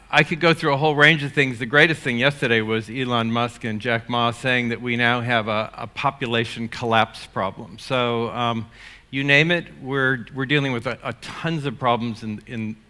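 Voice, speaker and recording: An older American man with a bright, medium-pitched voice gives a keynote talk on a conference stage. His delivery as a conference speaker is energetic and rambling, full of fillers and restarts.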